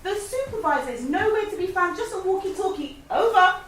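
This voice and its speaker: A woman's voice: very high voice, lively intonation, brisk, a bit bright. A woman doing a teasing mock walkie-talkie call. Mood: playful. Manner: playful, teasing. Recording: echoey room, voice from far off, faint noise.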